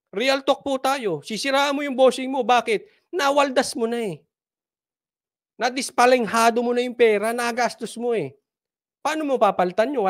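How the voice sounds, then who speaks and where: Filipino guy ranting about politics, high voice, sarcastic and laughing a lot. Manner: mocking, sarcastic, laughs often. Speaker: political commentary host. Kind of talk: casual political commentary.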